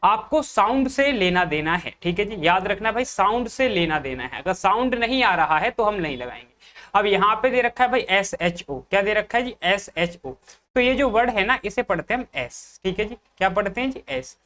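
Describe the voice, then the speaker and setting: A man's voice: high voice, animated, normal speed, sharp tone. A man giving an exam-prep grammar lecture. He keeps checking in with his students, calls them brother, and asks questions that he then answers himself. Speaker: English grammar teacher.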